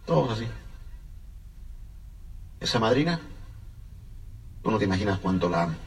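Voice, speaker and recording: A man tells his personal life story with emotion, addressing the listener directly. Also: fairly low pitch. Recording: voice a bit far from the mic.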